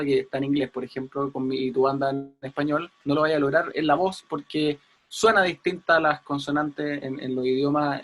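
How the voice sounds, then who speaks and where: A man's voice: fairly high pitch, a bit bright. A man teaching an audio class over a video call, chatty and explaining with everyday comparisons. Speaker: audio engineering instructor.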